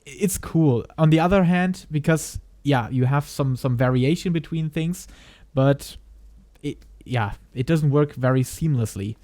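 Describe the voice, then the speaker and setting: A fairly high-voiced man streams live, reacting to a video. He hesitates, restarts his sentences and laughs often, and his voice sounds dry and close, with no room in it. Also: measured pace, warm tone, no room sound.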